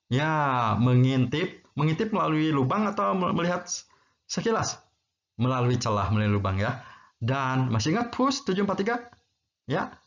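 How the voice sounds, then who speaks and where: A man giving a casual language lesson, explaining patiently and checking in with his listeners. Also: medium pitch. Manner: explains slowly, checks in with "ya" and "gitu ya". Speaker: English teacher. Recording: dull lo-fi recording.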